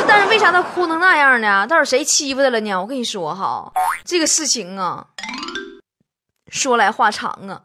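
A woman hosting a radio show, telling a funny story in a chatty, teasing way. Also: on the high side. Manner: teasing, chatty, drawn-out phrasing. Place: radio studio.

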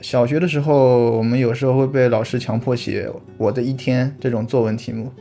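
A man's voice: medium pitch, steady tone, a little fast, dark tone, soft background music. A man who is a guest on a podcast, explaining his topic in an easygoing way, thinking aloud with restarts and easy laughs. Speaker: podcast guest, vlog creator. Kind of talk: casual podcast chat.

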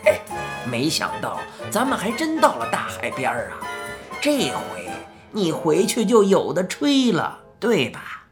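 Woman doing a sly low-voiced old man. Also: huge pitch swings, music in the background. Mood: evasive, teasing. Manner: playfully dodging, drawn-out chuckling. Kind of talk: children's audiobook narration.

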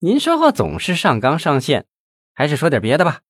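Man reading as a frank mocking businesswoman, raised pitch, dry close sound, audiobook. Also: wildly swooping pitch, a little fast, fairly bright tone, husky, no echo, heavily acted. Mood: impatient. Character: confident businesswoman, company chairwoman, teasing and blunt.

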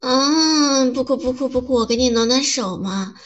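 A woman's voice: sits high, moderate pace, dull audio, natural voice. A woman acting a doting partner who coaxes and soothes in a comedy skit. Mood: soothing. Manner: coaxing, pleading, soothing.

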